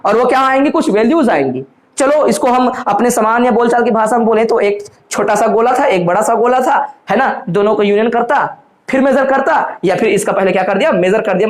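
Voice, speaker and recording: A man lecturing on university mathematics, constantly posing questions to his students and answering them himself, calling them children. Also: sits high. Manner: addresses listeners fondly as children. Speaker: math lecturer. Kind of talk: classroom lecture in Hindi mixed with English terms.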